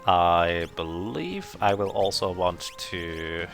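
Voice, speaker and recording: A man chats and thinks aloud while streaming a game, his low, gravelly voice squeezed into a sharp, tinny tin-can sound by a makeshift microphone. Faint game music plays underneath. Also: animated, slow. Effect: tinny tin-can sound from a substitute microphone. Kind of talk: casual live game-stream commentary. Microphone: substitute microphone.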